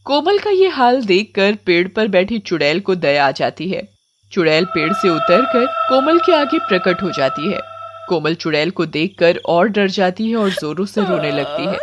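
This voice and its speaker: A woman reading the narration of an animated story in a steady storytelling manner. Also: on the low side, normal speed, muffled recording, heavy background noise.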